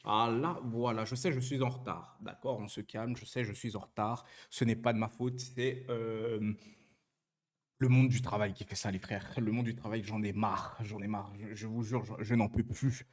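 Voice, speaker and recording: A man's voice: on the low side, steady tone, normal speed. A young man, a streamer chatting casually with his viewers, joking and answering chat messages with many fillers and restarts. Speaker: Twitch streamer.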